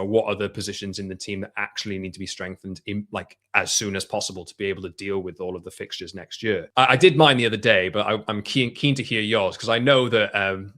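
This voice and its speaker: A man's voice: fairly low pitch, a bit bright. A man co-hosting a podcast, easygoing as he leads the chat. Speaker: podcast co-host.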